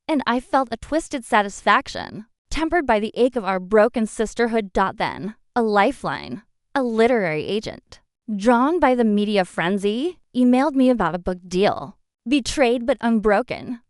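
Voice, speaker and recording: Woman narrator for a dramatic story, fairly high, animated, dry close sound. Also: clean tone, no room sound.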